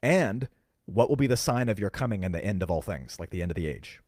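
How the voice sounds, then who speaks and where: A man co-hosting a podcast, carefully explaining scripture in casual chat and slowing down to stress key words. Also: fairly low pitch, animated, darkish tone, no echo, studio quality. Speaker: podcast co-host. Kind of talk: casual Bible teaching chat.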